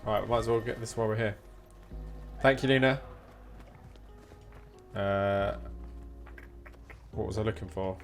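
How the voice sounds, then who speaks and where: A man's voice: on the low side, fairly even intonation, unhurried, long pauses. Chatty male game streamer. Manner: chatty, greets chat viewers by name. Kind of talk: casual live-stream gaming commentary. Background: game music.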